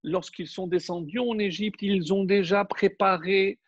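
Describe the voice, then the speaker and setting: In a dry, lo-fi recording, a high-voiced man speaks with a steady tone and an unhurried pace. He's a rabbi, not a native French speaker, giving an emphatic Torah lesson and addressing his audience directly.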